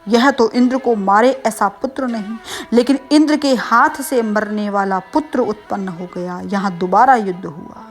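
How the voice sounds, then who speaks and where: A woman's voice: medium pitch, normal speed, faint music behind. A woman narrating a religious scripture story, stopping to explain words as she goes. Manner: explains terms as she tells the tale.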